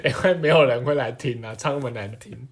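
A podcast co-host, telling jokes in casual chat with a playful, teasing manner. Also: fast. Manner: playful, teasing, throws in silly high-pitched guesses.

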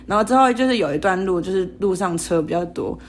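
Fast-talking young Taiwanese woman storyteller. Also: lowish voice, a little hiss or hum. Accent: Taiwanese Mandarin. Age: young adult. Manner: animated, laughing, acts out quoted lines. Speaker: podcast guest. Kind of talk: casual storytelling chat.

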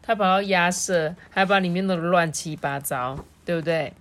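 A woman's voice: on the low side, moderate pace, a bit bright. A woman reading a picture book aloud to her child at home, stopping to ask questions.

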